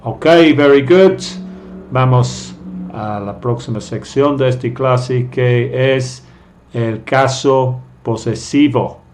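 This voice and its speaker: A man teaching English vocabulary to Spanish speakers, saying each English word slowly and then giving its Spanish meaning. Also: mid-range voice, fairly even intonation, a little mellow.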